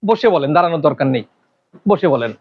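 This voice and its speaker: A male teacher giving a classroom lecture, constantly quizzing his students with quick questions. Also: a little high, sing-song, highs cut off.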